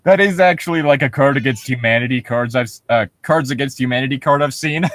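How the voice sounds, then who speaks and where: This man talks quickly in a medium-pitched, fairly bright voice with no room sound. As a podcast co-host going through a horror story, he picks it apart in a casual, funny way with incredulous, foul-mouthed commentary.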